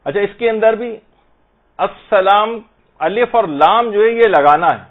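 Man, religious teacher, patient explanations, slow careful recitation, slightly high voice. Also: lively intonation. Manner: slow, careful recitation of Arabic phrases to demonstrate pronunciation. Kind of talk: Islamic prayer lesson. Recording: tinny phone-like audio.

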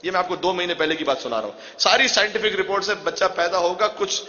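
A man preaches a mourning sermon in a high, bright voice. He tells the story with passion, and the emotion builds as he goes. His words echo through a large hall with a long reverb, captured on a dull, lo-fi recording. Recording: echoey hall, dull lo-fi sound.

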